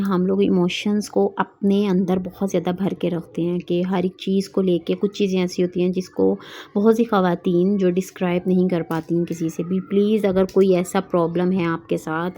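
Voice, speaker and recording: Earnest thirties woman with a mellow voice. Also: fairly low pitch. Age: 30s. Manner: earnest, mixes English words into Urdu-Hindi speech. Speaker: vlogger giving advice to wives. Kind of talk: casual advice monologue.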